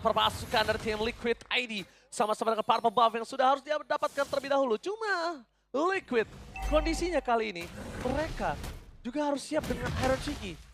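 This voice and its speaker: A man doing dramatic, excited esports caster play-by-play of a match. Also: very high-pitched, noisy background. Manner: excited, dramatic calls rising to shouts. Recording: music behind the voice. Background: music.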